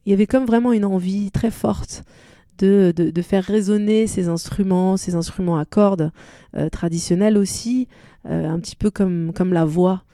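Here a singer-songwriter whose native language is Arabic talks about her music with care during a relaxed interview, often beginning sentences again as she gropes for words. Her voice is mid-range and warm, at a normal speed, in a dry, clean studio recording.

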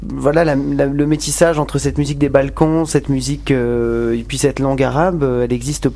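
A male radio interviewer with a mellow, warm tone and a mid-range pitch. He asks measured questions, pausing on fillers as he searches for his words. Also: little pitch movement.

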